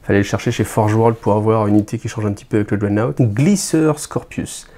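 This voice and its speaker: A man's voice: fairly low pitch, fairly quick, dark tone. A man giving a casual, rambling hobby review, hesitant, with many fillers and restarts and chatty asides to his viewers. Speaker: YouTube host reviewing a wargame codex.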